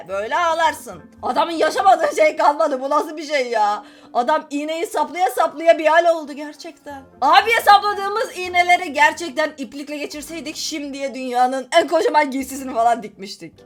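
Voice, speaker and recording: A woman with a high, bright voice comments on a game as she plays. She scolds the characters, jumping between squealed outbursts and low grumbles. Faint game music plays underneath. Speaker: gaming channel host. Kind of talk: casual gameplay commentary.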